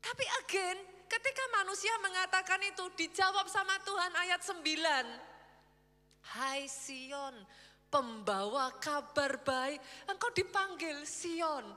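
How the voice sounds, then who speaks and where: A woman pastor delivers a lively sermon, slipping into quoted voices to make her point. Her voice is bright and forceful and sits very high. It rings out with a long echo through a church hall. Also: unhurried, soft background music.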